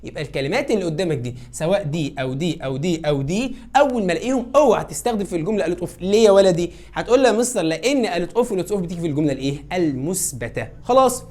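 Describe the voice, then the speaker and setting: A woman's voice: lowish voice, expressive, racing, hardly any pauses, warm tone. A woman with an Egyptian Arabic accent teaching an English grammar lesson, coaxing students and answering her own questions.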